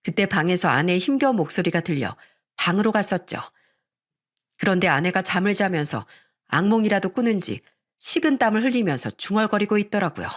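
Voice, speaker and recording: A woman giving calm, even scripted first-person narration as the storyteller of a radio story. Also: medium pitch, brisk.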